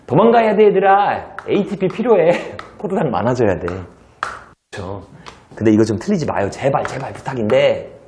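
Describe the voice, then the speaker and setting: A male teacher giving a lively classroom lecture, telling stories with sound effects and acted dialogue and throwing rhetorical asides to his students. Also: mid-range voice, moderate pace, a little hiss or hum. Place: lecture hall.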